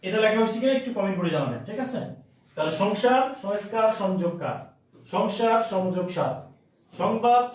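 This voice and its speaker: A man teaching an online grammar class, repeating each word and often checking that students follow. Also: high-pitched. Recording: very echoey room, distant mic.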